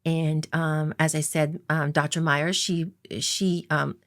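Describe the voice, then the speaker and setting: A woman's voice: low voice, flat delivery, slow. A middle-aged woman from Idaho, an interview guest telling her story in an earnest, reflective way with many filler ums. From Coeur d'Alene reservation, Idaho, US. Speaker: interview guest, casino executive.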